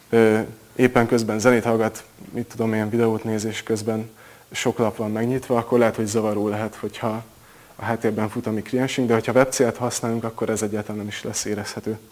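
A man presenting a technical project at a conference, pausing often with filler sounds. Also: mid-range voice. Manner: hesitant, many filler sounds.

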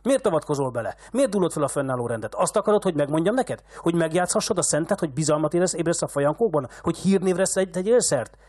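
A man reading aloud as a furious old rich village patriarch who shouts insults and rants at a younger man. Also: very high voice, animated, hardly any pauses, pitched above the performer's own voice.

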